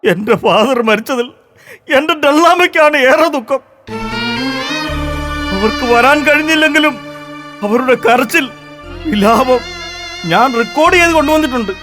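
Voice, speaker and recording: A man's voice: very high-pitched, lively intonation, moderate pace, long pauses, over music. A young man on stage playing a hypocritical son who makes fawning excuses with feigned grief. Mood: excusing. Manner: fawning, self-justifying. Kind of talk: stage comedy drama.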